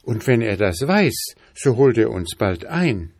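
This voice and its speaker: A man's voice: medium pitch, big pitch swings, a little slow, creaky, a little mellow, slightly rough, dry recording, clean studio sound, voice pushed up, heavily acted. A man voicing a worried young princess in a fairy tale, sad and anxious.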